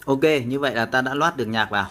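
A man explaining a phone app step by step in a casual tutorial, with frequent pauses and fillers. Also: medium pitch, sharp tone.

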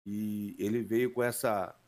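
A man's voice: fairly low pitch, steady tone, unhurried, a little mellow. A man on a gaming stream giving an earnest, heartfelt message of support, full of slang and blessings. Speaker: guest donor. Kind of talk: casual heartfelt speech.

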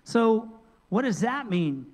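A middle-aged male pastor preaching a sermon into a handheld mic, moving between loud emphatic points and quiet asides. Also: high voice, very animated, slow. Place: large church sanctuary. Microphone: handheld microphone. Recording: long church reverb.

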